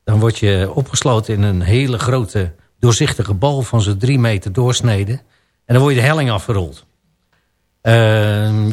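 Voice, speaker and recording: A man's voice: lowish voice, a little mellow. A man presenting on local radio, chatting casually and laughing now and then as he tells odd facts about strange sports.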